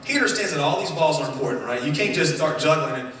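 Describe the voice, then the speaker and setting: A man delivers a sermon with a high, bright voice, his words ringing around a roomy church hall. The mic sits some way off from him. He keeps things playful and animated, joking with the people in front of him. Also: fast, far from the mic, a little hiss or hum. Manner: playful, animated, jokes with the congregation. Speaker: pastor. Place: church sanctuary.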